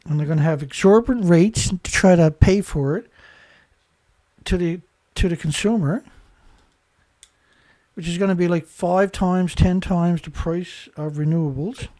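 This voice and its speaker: Hosting his own news commentary, a Canadian man with a stuffed-up nose rambles indignantly and fires off rhetorical questions. His voice is fairly high for a man but dark in tone, and he speaks unhurriedly. The recording is close and dry, with no echo or room sound.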